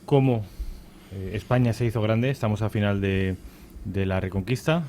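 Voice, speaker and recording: A man's voice: on the low side, moderate pace, a little mellow, slight background noise. A man hosting an interview, asking questions hesitantly with many fillers. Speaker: host. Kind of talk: radio interview.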